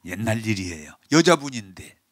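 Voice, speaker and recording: A man preaching a sermon as pastor, emphatic, with rhetorical questions and sudden drops to a near hush. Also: lowish voice, sing-song, moderate pace, no echo, studio quality.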